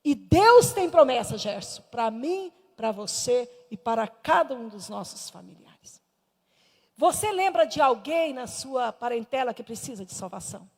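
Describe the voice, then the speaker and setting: Brazilian woman missionary, high voice, fervent sermon, church hall echo. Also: animated, measured pace. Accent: Brazilian Portuguese. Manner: fervent, emphatic storytelling that swings between hushed and loud. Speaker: missionary preacher. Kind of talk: Sunday school sermon with personal testimony.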